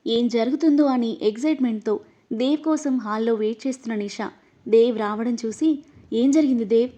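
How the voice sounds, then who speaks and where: A woman reading an emotional novel aloud as narrator, voicing every character herself and getting louder in the angry lines. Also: a little high, steady tone, fairly quick. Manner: reads all the characters, her voice rising louder in angry lines. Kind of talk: scripted story narration. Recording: dull, lo-fi audio.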